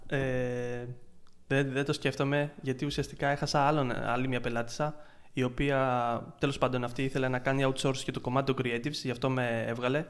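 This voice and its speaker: A man chatting casually on a podcast, retelling his freelance work in an excitable way with many restarts. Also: mid-range voice, clear, resonant tone. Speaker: podcast co-host, freelance ads marketer.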